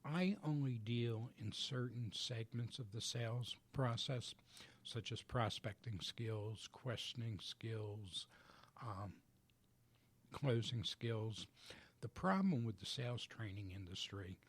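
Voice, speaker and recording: A man guest on a business radio show in a studio, explaining his coaching work in a measured, methodical way. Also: mid-range voice. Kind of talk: radio interview answers.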